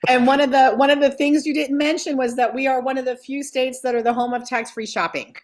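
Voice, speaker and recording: A woman who grew up in Greece and Delaware, a state legislator speaking earnestly and haltingly as an interview guest. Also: high-pitched, fairly even intonation. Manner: earnest, halting with many pauses. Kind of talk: interview conversation.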